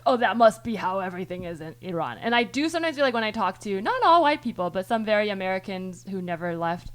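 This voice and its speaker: A woman hosting a podcast, thinking aloud in long rambling turns full of restarts and the odd swear word. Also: mid-range voice. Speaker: podcast host. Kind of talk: casual chat.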